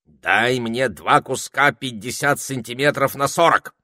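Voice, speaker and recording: A man's voice: medium pitch, measured pace, pushed and bright, no echo, clean studio sound, pitched above the performer's own voice. A man voicing a bossy, fussy talking male parrot in an audiobook, with theatrical, indignant outbursts. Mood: commanding. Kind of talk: audiobook character voice.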